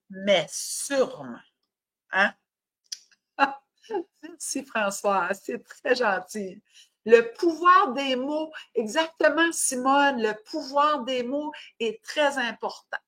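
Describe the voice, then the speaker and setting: A woman's voice: high-pitched, lively intonation, slow pace, pauses often, a bit bright. A woman with an Acadian French accent hosting a casual fitness live stream, upbeat and cheering, slipping English words into her talk. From New Brunswick, Canada.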